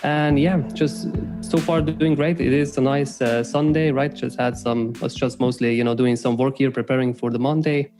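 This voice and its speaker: A man's voice: mid-range voice, level tone, moderate pace, few pauses, music in the background. A young man from Slovenia, a podcast guest, talking casually and rambling, with many restarts and "right?" tags. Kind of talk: casual interview talk.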